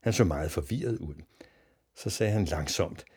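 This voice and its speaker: A man reading a children's story aloud in an expressive narrating voice. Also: sits low, husky.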